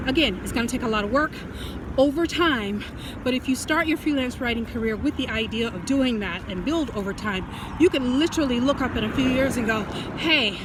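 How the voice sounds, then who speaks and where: An American woman, out of breath from walking, gives casual advice as a video host while speaking through a face mask. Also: on the high side. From United States. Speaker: host of a writing-tips video series. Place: outdoors, walking. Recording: outdoor traffic and street noise.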